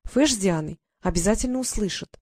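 A woman narrating a fairy-tale audiobook in an even storytelling voice. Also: mid-range voice, a little fast, husky, dry recording, clean studio sound.

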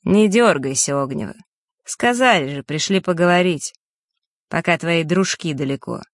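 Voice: medium pitch, moderate pace, no echo, close to an everyday voice. Audiobook: reader voicing a smug teen boy, mock-polite sneer, dry close sound. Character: smug scheming teenage boy, mock-caring. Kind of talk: audiobook character reading.

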